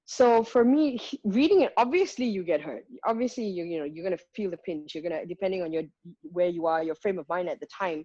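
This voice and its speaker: A woman's voice: on the low side, animated, brisk, warm tone, no room sound, lo-fi sound. A woman, a guest singer talking frankly and reflectively, making her points one by one. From Malaysia. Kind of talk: candid conversational interview.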